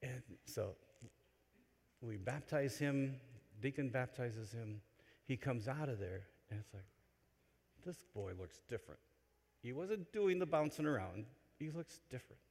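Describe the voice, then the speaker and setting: A man delivering a homily in a church, telling stories with animated swings between loud excitement and quiet asides. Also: mid-range voice, a little slow, creaky. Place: large church. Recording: long church reverb. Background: church hall.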